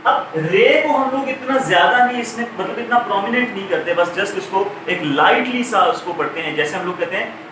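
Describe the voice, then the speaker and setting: Echoey man teaching pronunciation. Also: high-pitched. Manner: explains slowly with many fillers and self-corrections. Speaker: English teacher. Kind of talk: recorded pronunciation lecture. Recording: far from mic, very echoey room, clear noise.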